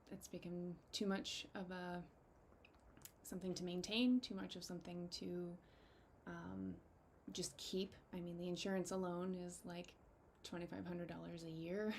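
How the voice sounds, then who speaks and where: Young woman, low-ish voice, casual vlog chat, emotional and thankful, faint background hum. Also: creaky. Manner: heartfelt, grateful, gets emotional, halting with many ums. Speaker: fantasy photographer and content creator. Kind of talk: casual personal update to viewers.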